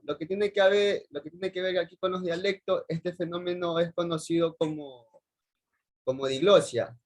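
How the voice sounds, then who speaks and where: Young Ecuadorian male student, higher pitch, rambling and hesitant delivery. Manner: rambling, repeats stock phrases with many hesitations. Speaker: university student presenting. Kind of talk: class presentation over video call.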